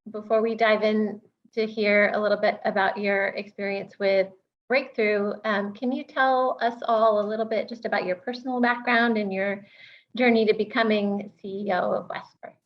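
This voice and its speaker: A woman's voice: medium pitch, fairly even intonation, moderate pace. Woman interviewer, slightly muffled audio. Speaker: interviewer, director of research. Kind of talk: video call interview.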